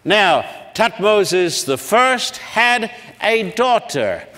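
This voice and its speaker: In a large lecture hall with long reverb, a man presents a public Bible lecture at a blackboard. His fairly high voice sounds pushed and bright, with big pitch swings, yet he moves slowly and deliberately, sounding out long names in syllables.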